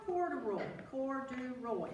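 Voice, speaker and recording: At a library storytime, a woman reads to children in a slow, unhurried way, her pitch swooping and very lively as she repeats words and asks her young audience questions. The mic sits far off in an echoing room where kids are present, so the lo-fi recording picks up room sound and background noise.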